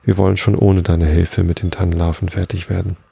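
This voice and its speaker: A man's voice: deep voice, level tone, a little fast, creaky, mellow, slightly rough, no room sound, full character voice. A man voicing a brave, loyal male farm dog in a read-aloud story. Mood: earnest.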